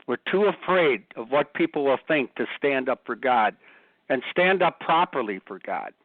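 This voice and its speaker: A man's voice: medium pitch, expressive, moderate pace, dry recording. A man co-hosting a ministry radio show, blunt and rising to fervent emphasis. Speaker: ministry co-host. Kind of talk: impassioned radio commentary. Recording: dry, phone-like lo-fi line.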